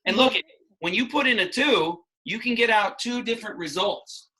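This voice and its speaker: A man's voice: high-pitched, moderate pace, bright, forceful tone, low-quality recording. A man in his thirties teaching a math class online from a small room at a whiteboard, patiently asking questions and explaining step by step.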